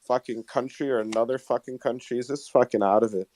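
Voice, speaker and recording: A man's voice: mid-range voice, steady tone, fast, darkish tone. A man chatting casually on a live audio call, ranting and swearing freely about travel trouble. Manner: swears a lot, frustrated rant. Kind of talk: casual chat.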